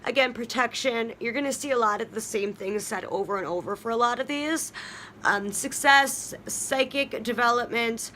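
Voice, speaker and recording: A woman's voice: a little high, moderate pace, pushed and bright, a little hiss or hum. A young woman hosting a casual talk on herbs, chatty and full of ums and restarts as she works down a list. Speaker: witchcraft video host.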